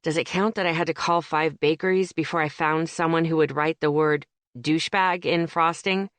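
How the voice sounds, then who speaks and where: A woman voicing a suave, confident businessman who teases and then apologizes, with a lowered, smooth voice in an audiobook. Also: fairly even intonation, moderate pace, fairly bright tone, dry recording. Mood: teasing.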